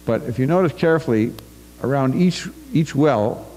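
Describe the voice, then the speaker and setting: An older American man with a medium-pitched, animated, slightly mellow voice reads a prepared talk at normal speed into a podium mic on a stand at a farm forum held in a school auditorium. He reads from paper, now and then stumbling, restarting and adding asides. The auditorium is reverberant, and soft music plays in the background.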